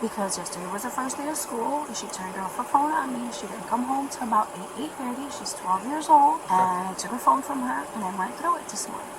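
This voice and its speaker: A fairly high-voiced woman tells police her side of things in an insistent, defensive way. She keeps asking herself questions and answering them. The recording is noisy, like body-camera audio. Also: lively intonation, a little fast, hardly any pauses. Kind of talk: police interview statement.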